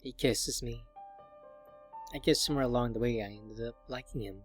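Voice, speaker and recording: A lonely, frightened schoolgirl from a visual novel confides her thoughts in a quiet, confessional murmur , read out by a man at a mid-range pitch. Light piano music sits softly behind the voice. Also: normal speed, lightly acted. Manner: quiet, confessional inner monologue. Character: lonely, fearful teenage schoolgirl narrator.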